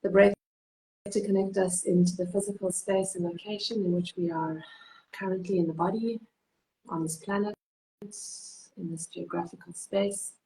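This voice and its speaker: A woman hosts a live online interview, guiding her guest through slow breaths in a gentle, steady voice. She prompts softly and fills pauses with quiet hums. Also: medium pitch, rough recording. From South Africa. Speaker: host, cacao facilitator.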